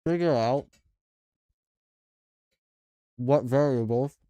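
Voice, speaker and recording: A man's voice: mid-range voice, normal speed, warm tone, no echo, dull audio. A man livestreaming while coding, thinking aloud in a mumbling, trailing-off way. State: talking with his mouth full.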